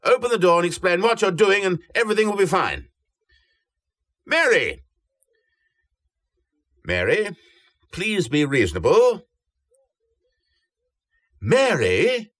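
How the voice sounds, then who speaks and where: A man's voice: high voice, big pitch swings, slow pace, pauses often, fairly bright tone, full character voice. A man playing a stern, clipped, authoritative project director. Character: stern, budget-minded male project director.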